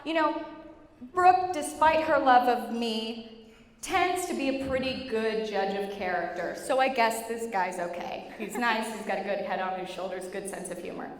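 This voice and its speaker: A young adult woman giving a humorous prepared wedding speech as maid of honor, with animated, joking storytelling and dramatic pauses. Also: high-pitched. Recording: echoey reverberant hall with clear noise.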